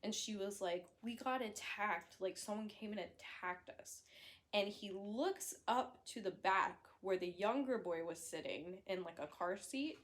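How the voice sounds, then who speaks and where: A young woman casually recapping a horror story, chatty and blunt, with fillers, self-corrections and the odd swear. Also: mid-range voice. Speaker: book reviewer.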